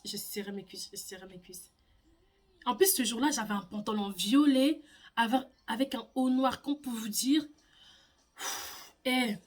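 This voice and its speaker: A young woman vlogger telling a personal story in a casual, animated way, sometimes stammering. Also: fairly high pitch.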